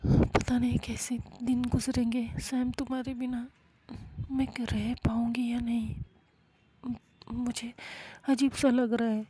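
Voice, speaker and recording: A woman voicing a tearful, clingy young woman in a soft whispered role-play. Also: little pitch movement, a little slow. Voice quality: breathy, higher whisper.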